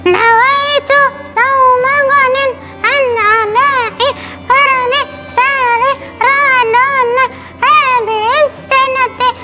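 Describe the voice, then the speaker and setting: Woman voicing a goofy, squeaky little boy puppet. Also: steady tone, takes it slowly, over music. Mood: silly, overeager. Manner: goofy, childlike, playful. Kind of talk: children's puppet storytelling dialogue.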